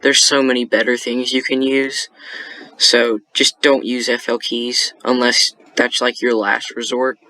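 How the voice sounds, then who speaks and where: Bright-voiced young man explaining beats. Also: mid-range voice. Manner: rambling, many fillers and self-corrections. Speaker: beat-making tutorial host. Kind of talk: casual screen-recorded tutorial.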